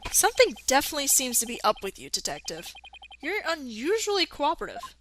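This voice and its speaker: A woman voicing a calm male defense lawyer in a game dub, speaking low, level and dry. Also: a little fast, a little hiss or hum, heavily acted. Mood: probing.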